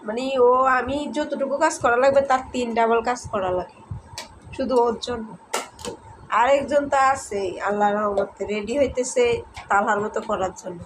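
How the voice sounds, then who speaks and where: A young mother with a hoarse voice from a cold, chatting casually to viewers at home and coaxing her small children. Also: on the high side, moderate pace, noisy background. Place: home indoors.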